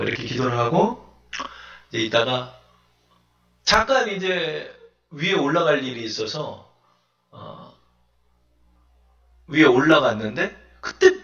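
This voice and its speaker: A man's voice: a little high, fairly bright tone. A male pastor preaching a sermon, acting out prayers and quoted voices as he speaks. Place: church sanctuary. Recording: roomy, distant, dull church recording.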